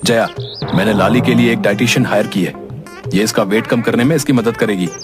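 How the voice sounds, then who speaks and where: A man's voice: fairly low pitch, a little fast, music in the background, natural voice. A man voicing a frustrated young husband who complains with exasperation.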